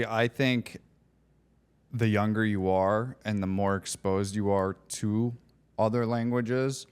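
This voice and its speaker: This American podcast co-host, whose first language was Polish, has a lowish, clear and resonant voice. He chats casually and loosely with his co-host, sometimes searching for the right word.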